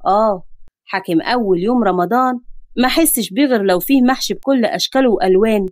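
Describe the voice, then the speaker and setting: A gruff, bossy old Egyptian grandfather, put on by a woman telling the story, his voice pushed low and heavy as he barks orders and pokes fun at the family. The delivery is quick and comic, recorded close and dry in a storybook reading. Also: a little mellow, dry recording, natural voice. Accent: Egyptian Arabic.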